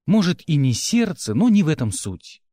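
A man narrating an audiobook with expressive first-person storytelling. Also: a little high, normal speed, dry recording, studio quality.

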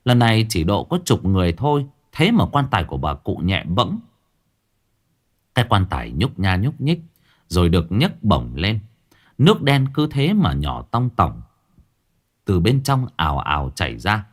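A man narrating a ghost story in a dramatic, vividly expressive style. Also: low voice, normal speed.

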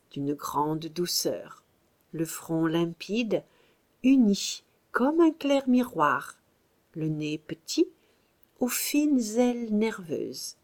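A woman reading a classic novel aloud as narrator, in an unhurried, expressive manner. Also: mid-range voice. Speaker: audiobook reader.

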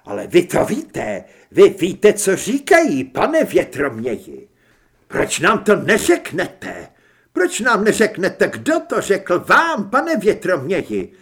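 A male narrator voicing an agitated young reporter who speaks forcefully and indignantly. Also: fairly high pitch, expressive, natural voice.

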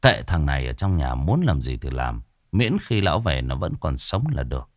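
A man narrating a village ghost story in a slow, dramatic, folksy way. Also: extremely low pitch, sing-song, dry recording, clean studio sound. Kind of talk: spoken horror story narration.

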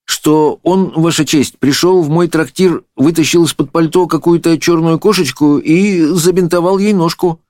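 A man's voice: fairly high pitch, very animated, normal speed, hardly any pauses, a little mellow, dry recording, voice pushed up. A man voices a timid innkeeper in a fairy tale, answering in a raised, hesitant voice. He sounds nervous and deferential. The sound is dry and close.

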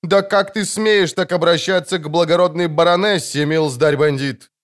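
Man playing a pompous noble matron, shrill, cracking, indignant, very high. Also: brisk, clean tone, close to an everyday voice.

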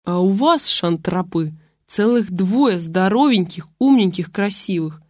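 This is a coarse old grandmother from a storybook, scolding everyone around her in a slow, booming bass, as a woman reads her out. She drags out her words, and the recording is dry and close. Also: expressive, dry recording, close to an everyday voice. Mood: scornful.

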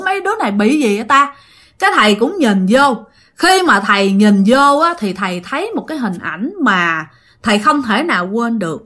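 A woman's voice: a little high, fairly bright tone. A woman telling a ghost story casually, chatty, with many fillers and direct asides to listeners.

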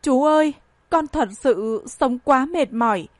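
A woman's voice: high voice, takes it slowly, no room sound. A woman reading an audiobook voices a scheming woman who pleads in a self-pitying, tearful way. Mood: pleading.

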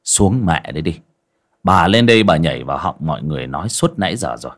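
A stern exorcist master, as a male narrator plays him, low and mocking, barking orders and scolding. His voice swings from gruff mutters to sharp rebukes. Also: sing-song, fast.

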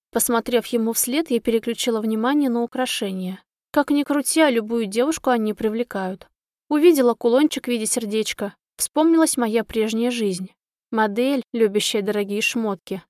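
A woman narrating a first-person storybook in a lively, expressive manner. Her voice sits somewhat high. The recording is dry and close, with no room sound. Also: no room sound. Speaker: audiobook narrator.

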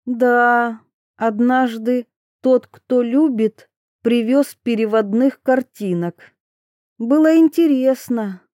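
A woman's voice: on the high side, takes it slowly, darkish tone, no room sound, clean studio sound. A woman reading the lines of a childlike, strange young woman in an audiobook, in a naive singsong way. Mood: childish.

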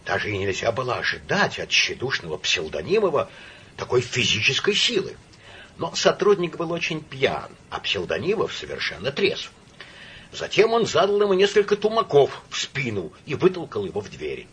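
A man reading an audiobook in a dramatic, expressive way, with a husky voice. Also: medium pitch, normal speed. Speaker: audiobook narrator.

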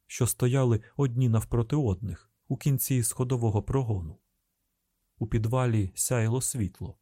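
A man with a Ukrainian accent narrating an audiobook in a tense, measured storytelling manner. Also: medium pitch, mellow, no room sound, clean studio sound. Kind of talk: scripted narration.

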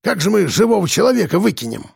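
Man doing a folksy older peasant, cautious, soft-spoken, higher pitch, gravelly, dry audiobook sound. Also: sing-song, quick pace, no room sound, heavily acted. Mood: shocked. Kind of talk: audiobook character voice.

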